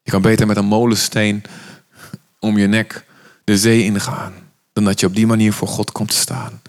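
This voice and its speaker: A man from the Netherlands preaching an urgent, impassioned sermon, sometimes voicing the words of Jesus. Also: fairly low pitch.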